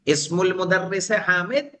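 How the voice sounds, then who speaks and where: A man whose first language is Urdu, teaching an Arabic grammar class, reading Arabic phrases slowly and translating them, with frequent check questions to students. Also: high voice, bright, forceful tone, poor audio. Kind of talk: classroom lesson.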